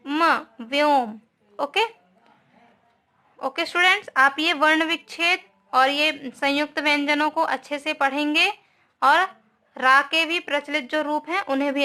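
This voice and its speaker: A woman's voice: sits high, sharp tone. A woman teacher giving a grammar lesson to schoolchildren, spelling out each word, asking the class questions and often adding a short tag question.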